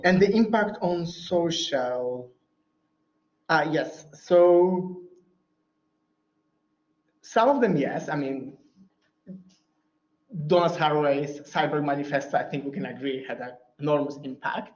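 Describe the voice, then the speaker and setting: After a keynote lecture, a man whose native language is Polish fields audience questions in an academic Q&A. His voice is a little high and slow, with frequent pauses, fillers, and restarts as he thinks aloud. The lecture hall recording sounds roomy and dull.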